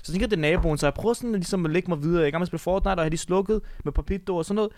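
A man's voice: high voice, a little mellow, no echo. A young man co-hosting a podcast, telling a story animatedly and full of slang. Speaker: podcast co-host. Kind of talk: casual chat.

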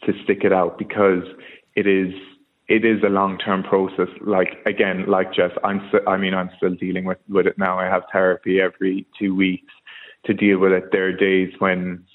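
A man with an Irish accent from Kerry giving a personal account in a radio interview, speaking in a hesitant, halting way. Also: low-pitched, completely flat delivery. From Kerry, Ireland. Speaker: radio phone-in guest. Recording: muffled narrow-band call.

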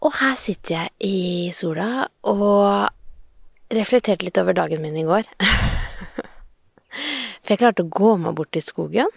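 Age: 30s. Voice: chatty, gravelly woman podcaster. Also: medium pitch, long pauses, dry recording, clean studio sound. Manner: chatty, self-mocking, animated retelling with laughs. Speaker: podcast host. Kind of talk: casual storytelling monologue. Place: outdoors in the sun by a shed.

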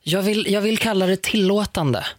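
A young man in casual chat, telling lively stories full of fillers and restarts. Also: high voice, no room sound. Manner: animated storytelling with hesitant fillers.

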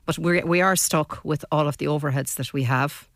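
A woman's voice: sits low, moderate pace, dry recording, studio quality. An older woman with a west of Ireland accent, talking casually and bluntly as a guest on a panel discussion. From Mayo, west of Ireland.

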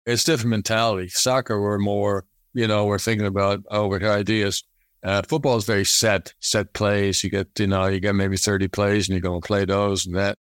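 A man's voice: on the low side, little pitch movement, normal speed, clear, resonant tone, no echo, studio quality. A man, a former kicker, reflecting in an interview in short, plain statements.

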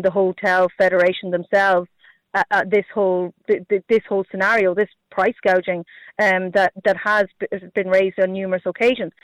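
A man's voice: sits high, dry recording, low-quality recording. A man with a west of Ireland accent answering as a politician in a radio interview, hesitant and repeating himself. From Galway, Ireland. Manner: hesitant, repetitive, heavy use of "you know" and "like". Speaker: politician, party representative.

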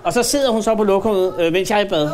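A man's voice: high voice, noisy background. A man in his fifties, a podcast host, telling a story in casual chat with many fillers and hesitations. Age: 50s.

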